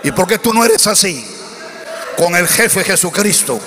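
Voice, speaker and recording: A man preaching a sermon as pastor, driving his points with repeated lists, rhetorical questions and shouted emphasis. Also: sits high, expressive, a little slow, long reverb tail.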